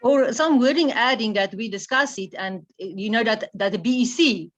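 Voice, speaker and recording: A woman's voice: a little high, moderate pace, soft background music. A woman taking part in a meeting, politely and tentatively explaining her suggestions. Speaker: meeting participant. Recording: dull lo-fi online meeting audio.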